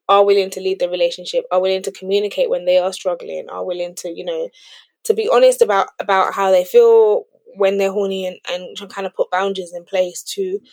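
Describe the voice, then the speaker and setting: A woman co-hosting a podcast, giving advice in a measured, earnest, conversational way. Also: medium pitch, no echo. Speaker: podcast co-host. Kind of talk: casual advice-giving chat.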